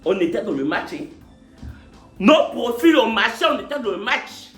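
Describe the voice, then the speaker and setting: A man confides his love story to camera, a little tipsy late at night. His delivery is theatrical and playful, with lively rises and falls and lots of repetition. The room around him is echoey, with faint music underneath. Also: high-pitched, normal speed. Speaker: YouTuber telling his own story. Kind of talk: comic confessional vlog.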